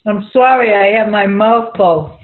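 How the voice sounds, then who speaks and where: A woman speaking affectionately to a friend during a podcast. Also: mid-range voice. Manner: slow, affectionate. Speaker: caller, friend of the guest. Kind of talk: heartfelt remarks. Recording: tinny phone-like line.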